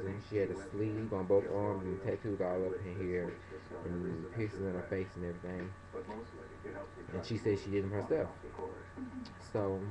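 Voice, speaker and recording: Dull lo-fi webcam sound captures a young adult vlogger telling a story in a relaxed way. He gets animated, imitating other people by speaking in a high pitch.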